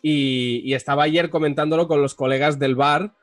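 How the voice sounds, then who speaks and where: A man's voice: fairly high pitch, steady tone, normal speed, no room sound. A man from Barcelona interviewing a guest in a friendly, chatty way. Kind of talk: casual interview chat.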